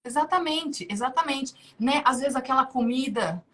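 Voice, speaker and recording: A woman's voice: sits high, moderate pace, a bit bright. A woman giving earnest, preachy advice on marriage and the home on a live stream. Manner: earnest, preachy, builds lists. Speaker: guest speaker.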